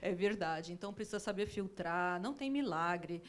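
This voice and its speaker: A woman's voice: lowish voice, lively intonation, moderate pace. A woman, an English teacher guest on a TV talk show, explaining patiently and often checking with "né?". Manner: explanatory, often adds tag "né?".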